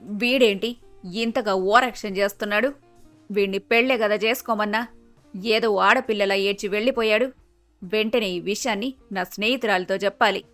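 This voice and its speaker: A woman's voice: mid-range voice, fairly even intonation, moderate pace, a bit bright, dry recording, soft background music, close to an everyday voice. A woman voicing a middle-aged mother in a cartoon story, teasing and scolding her son in a down-to-earth manner.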